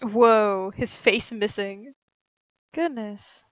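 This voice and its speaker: A woman's voice: mid-range voice, drawn-out words, dry recording, muffled recording. A woman streaming a game, making wry asides. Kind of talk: game commentary.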